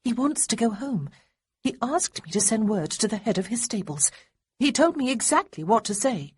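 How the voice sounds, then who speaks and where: A woman's voice: fairly high pitch, big pitch swings, normal speed, breathy edge, pitched above the performer's own voice, heavily acted. A woman voicing a breathless young lady who urgently pleads with the people around her. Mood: pleading. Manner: pleading, insistent.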